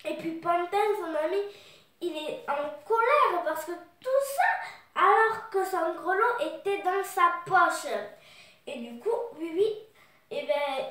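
A woman with a cold tells and reads a children's story in a high, slow voice, stopping often with fillers. She sounds far from the mic in a very echoey room. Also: a bit bright. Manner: loose, halting retelling with fillers. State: has a cold. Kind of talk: retelling and reading a children's book.

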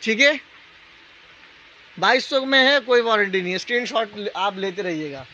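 A man with a Pakistani accent giving a casual, unscripted live sales pitch as a shop salesman, repeating prices and tag phrases. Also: normal speed, sharp tone. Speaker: shop salesman hosting a live sale video. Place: indoor appliance store, walking the aisles. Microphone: handheld phone. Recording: dull lo-fi phone audio, shop noise.

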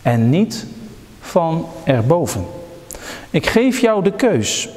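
A man reading the part of Jesus in a children's story, calm and kindly. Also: a little high, slow, big-room sound. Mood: patient. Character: a gentle patient adult male Jesus.

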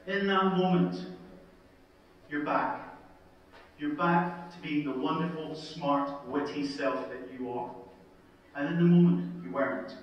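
A man's voice: a little high, far from the mic, dull audio. Wry scottish man, echoey hall. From Scotland. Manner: wry, dramatic storytelling with punchy pauses. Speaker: emergency department consultant. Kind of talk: storytelling keynote talk. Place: conference hall, played from a video. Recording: video played into an echoey hall, heard from afar.

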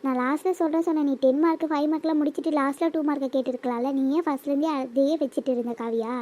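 A woman's voice: high-pitched, fairly even intonation, rapid-fire, dark tone, natural voice. A woman voicing an anxious schoolgirl in a cartoon who pleads and defends herself. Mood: pleading. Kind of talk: cartoon voice acting.

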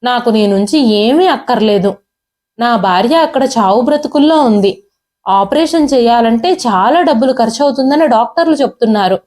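A woman's voice: fairly high pitch, animated, normal speed, a little mellow, natural voice. Woman narrator as elderly father over 60, desperate and pleading, tearful. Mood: begging.

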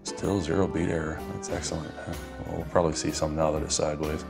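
A man's voice: rumbling low, little pitch movement, fairly quick, gravelly, music in the background. A man giving a casual, rambling watch review at his desk, often calling the listener "man". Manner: laid-back, says "man" often, rambling asides. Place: indoors at a desk, off camera. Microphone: wireless clip-on mic.

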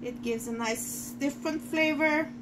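A woman's voice: high-pitched, a little slow, background noise. A middle-aged woman giving a casual cooking demonstration in her home kitchen, chatting to viewers as she works. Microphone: fixed camera in front of the counter.

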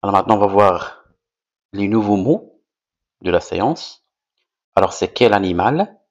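Man, teacher, low voice, very slow, careful repetitive pronunciation, dull lo-fi recording. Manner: repeats each word, over-articulated and rising on key words. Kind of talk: slow, deliberate vocabulary lesson.

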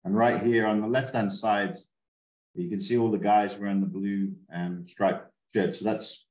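A man giving an online presentation on weaving, speaking a little haltingly. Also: fairly low pitch, flat delivery, a little mellow. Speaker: master weaver presenter. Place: indoors, video call. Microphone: video call. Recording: roomy video call audio.

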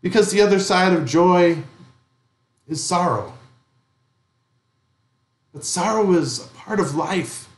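A man preaching in a relaxed, chatty way, his voice sitting a little high for a man. He asks questions and jokes gently. The church room gives his voice a roomy echo. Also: slow, pauses often. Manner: conversational, gently humorous preaching with rhetorical questions. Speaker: pastor. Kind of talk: sermon. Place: church sanctuary.

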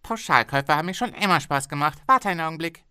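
A high, strained, greedy factory boss frets and schemes in a storybook reading, as a male reader puts him on. His pitch jumps around a lot. The room is dry and close. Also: lively intonation, fast talker, sharp tone, smooth, dry recording. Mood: scheming. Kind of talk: audiobook reading.

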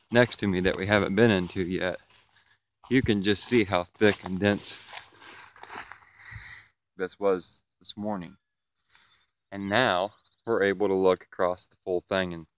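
A man's voice: deep voice, steady tone, moderate pace, pauses often, a little hiss or hum. A farmer giving a plain, matter-of-fact walking tour of his pasture, talking to a camera he holds outdoors. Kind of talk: walking field tour, explaining. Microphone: camera held while walking.

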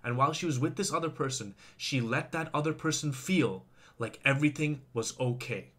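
A man's voice: mid-range voice, normal speed, sharp tone. A man venting in a confessional vlog, swearing heavily, repeating himself and talking straight to his viewers. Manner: heavy swearing, angry and venting; repetitive, speaks directly to viewers. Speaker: vlogger. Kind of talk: confessional rant to camera.

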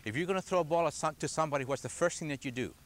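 Rapid-fire speech in a somewhat high register marks this older golf instructor. Out on a grassy driving range, he patiently poses questions to the group while explaining, captured by a distant camcorder.

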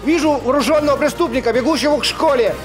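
A security guard calling urgent alarms to another post over a walkie-talkie radio during a drill. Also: male voice, very high-pitched, fast, music in the background. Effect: speaking over a walkie-talkie radio.

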